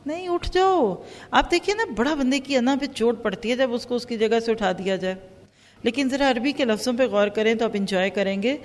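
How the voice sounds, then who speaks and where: A woman teaching a religious lesson, explaining with lively acted-out quotes. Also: a little high, long reverb tail. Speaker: Quran teacher.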